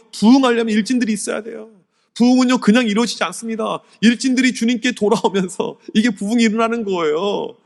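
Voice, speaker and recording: Male pastor, fairly high voice, lively storyteller, church hall reverb, seminar talk to teachers. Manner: animated storytelling, swings from loud to hushed. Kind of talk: sermon-style teacher seminar lecture. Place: church sanctuary.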